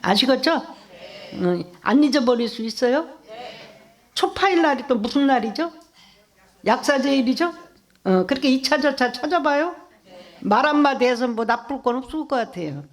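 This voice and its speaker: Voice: high-pitched, expressive, moderate pace, long pauses. Buddhist monk telling a parable. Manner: conversational, quizzes the audience. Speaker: Buddhist monk giving a dharma talk. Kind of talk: sermon. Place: temple dharma hall.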